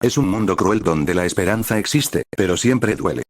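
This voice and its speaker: A man narrating a scripted reaction story in a flat, even reading voice. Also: low voice, normal speed, no echo, studio quality. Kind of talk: scripted narration reading stage directions aloud.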